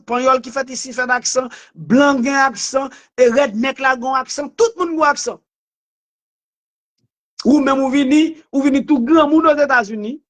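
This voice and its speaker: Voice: high voice, fairly bright tone. A commentator giving an impassioned motivational monologue, blunt and emphatic, repeating points and using crude words. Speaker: online commentator.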